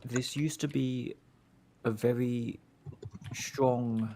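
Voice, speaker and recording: Very deep-voiced woman game master. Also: fairly even intonation, very slow, mellow. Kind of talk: narrating a tabletop game.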